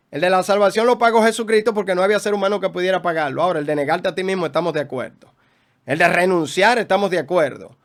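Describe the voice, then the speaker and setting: A man's voice: high-pitched, fairly bright tone. A man, a guest pastor teaching in a preaching style, emphatic, with rhetorical questions and repeated phrases.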